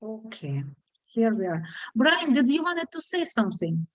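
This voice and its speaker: A woman with a foreign accent leading an online discussion group, speaking haltingly with many fillers and restarts over a video call. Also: fairly high pitch, sing-song, no room sound, poor audio.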